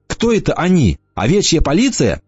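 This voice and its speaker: A man's voice: fairly high pitch, wildly swooping pitch, normal speed, darkish tone, slightly rough, no room sound, pitched above the performer's own voice, heavily acted. A man voicing a worried, earnest middle-aged father who sounds anxious. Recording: dull lo-fi dry recording.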